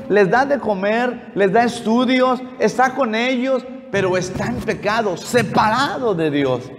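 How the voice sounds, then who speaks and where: High-voiced pastor preaching in a hall. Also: male voice. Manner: storytelling, acting out dialogue with a neighbor. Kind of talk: sermon.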